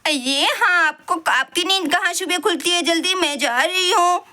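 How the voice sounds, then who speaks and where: A woman voicing a busy young wife who talks briskly and scolds. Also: extremely high pitch, sharp tone. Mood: bustling.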